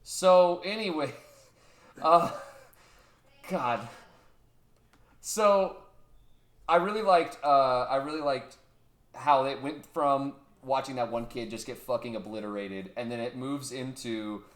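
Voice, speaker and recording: A man's voice: mid-range voice, takes it slowly, long pauses. A young man hosting a podcast, casually retelling an episode with loose, profane energy and acting out the characters' lines. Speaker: podcast host. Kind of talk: casual chat, animated retelling. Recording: echoey room.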